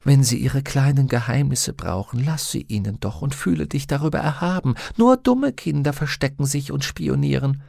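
A man's voice: mid-range voice, lively intonation, moderate pace, gravelly, few pauses, darkish tone, no echo, clean studio sound, voice pushed up. A man voicing Pantaleimon, a haughty daemon. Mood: scolding. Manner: scolding, superior. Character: sulky proud male animal daemon companion.

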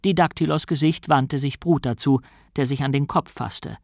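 A man reading an audiobook as narrator, in a calm, measured way. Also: medium pitch, vocal fry, no room sound, studio quality. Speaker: audiobook reader. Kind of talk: scripted narration.

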